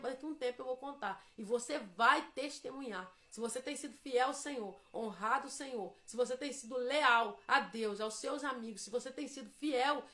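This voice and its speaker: A woman's voice: a little high, fairly bright tone. A Brazilian woman giving a devotional testimony, telling her story emphatically and acting out the dialogue.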